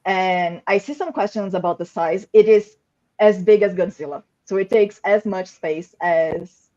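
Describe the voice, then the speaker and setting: A woman excitedly explaining a product on a livestream panel, with lots of "like" fillers. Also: medium pitch, unhurried, lo-fi sound. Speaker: game company staff member.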